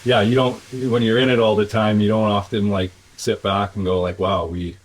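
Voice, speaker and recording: Man, low-pitched, flat delivery, reflective interview guest, hesitant and thoughtful. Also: normal speed, low-quality recording. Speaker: interview guest, business owner.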